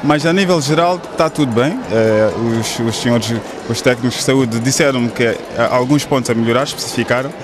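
A man's voice: mid-range voice, a little fast, hardly any pauses, background noise. A young man interviewed with a handheld mic, hesitant and stuttering at the starts of phrases. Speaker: event visitor. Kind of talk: interview answer.

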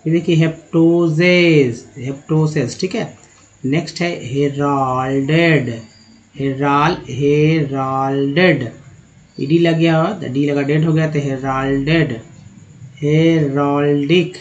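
Male tutor, slightly high voice, patient, spells words out letter by letter, dull lo-fi sound. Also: steady tone, slow pace. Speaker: English teacher. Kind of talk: Hindi-language English pronunciation lesson. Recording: dull lo-fi recording.

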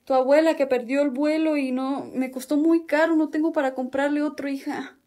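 A woman acting out comedy skits with animated, exasperated scolding. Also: high voice, normal speed. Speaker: comedy sketch creator.

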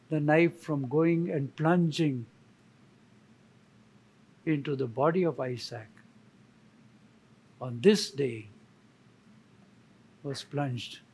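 Husky guy preaching real slow, kinda high voice, leans hard on repeated words. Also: a little mellow, rough recording. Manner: slow, emphatic, with dramatic pauses and repetition. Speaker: church elder preaching. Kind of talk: sermon.

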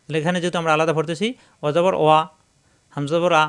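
A man teaching Quran recitation, spelling out syllables slowly and then chanting the verses drawn out. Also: on the high side, little pitch movement, fairly bright tone, clean tone.

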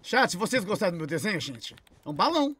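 Bright, teasing young man streaming. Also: high voice, big pitch swings, quick pace, breathy edge, dry recording. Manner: teasing, crude, frequent laughter. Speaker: streamer host. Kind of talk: casual gaming stream chat.

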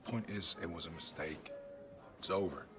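A man's voice: sits low, normal speed, over music, close to an everyday voice. An actor playing a blunt, brash man in a film comedy-drama. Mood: dismissive.

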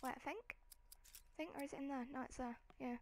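A woman's voice: sits high, steady tone, fast. A woman giving casual, chatty commentary while playing a video game. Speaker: gamer. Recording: loud game noise over voice. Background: video game gunfire and clicks.

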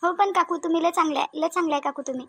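A lonely young new mother speaks in a soft, hesitant Varhadi accent for a cartoon. Her voice sits high and moves quickly. The sound is dry and close. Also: fairly even intonation, no room sound. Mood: sad. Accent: Varhadi Marathi. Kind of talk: cartoon voice acting.

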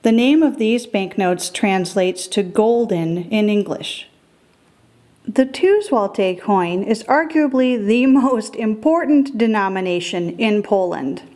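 A woman's voice: medium pitch, lively intonation, slow pace, a little mellow. A middle-aged woman hosting a currency collecting show, giving careful scripted educational narration.

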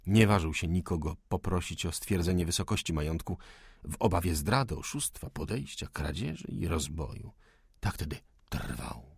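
Gravelly male audiobook narrator. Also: low-pitched, lively intonation, dry recording, studio quality. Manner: measured literary storytelling.

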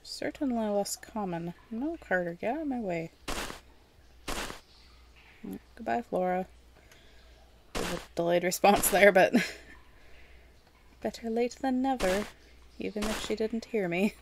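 A woman with a medium-pitched, lively voice gives casual, rambling gameplay commentary as a gaming video host, unhurried and pausing often. She's chatty and self-deprecating, talking to the game's characters as she plays, over a noisy background.

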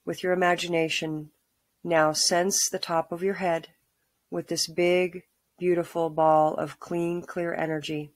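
Middle aged lady doing a calm grounding exercise, slow and really even tone, soothing. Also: on the low side, dry recording. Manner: calm, unhurried, soothing instructions with pauses. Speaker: meditation guide. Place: small room at home, indoors.

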